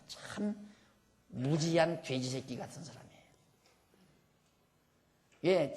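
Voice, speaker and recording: A man teaching a Bible study lecture to a class, lively and acting out the speakers in the text. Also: fairly high pitch.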